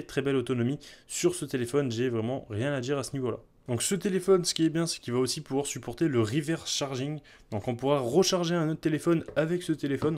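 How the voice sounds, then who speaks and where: A man's voice: medium pitch, a little mellow. Chatty tech reviewer man. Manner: chatty, repeats "très, très" and "hop". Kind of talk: product review vlog.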